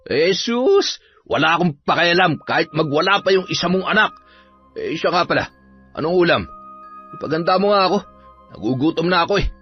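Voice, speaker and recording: A man voicing a drunk, abusive middle-aged father who yells and threatens. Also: a little high, animated, fast, long pauses, pitched above the performer's own voice, lightly acted. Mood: angry drunk. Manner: slurring, bullying, yelling threats. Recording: dull audio, soft music behind.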